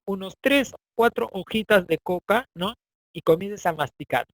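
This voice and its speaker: Middle-aged Peruvian male teacher, high-pitched, chatty, keeps checking in with students; dry, close recording. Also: normal speed, no echo, low-quality recording. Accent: Peruvian Spanish. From Peru, Andean highlands. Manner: chatty, asks students for agreement. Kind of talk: online class lecture.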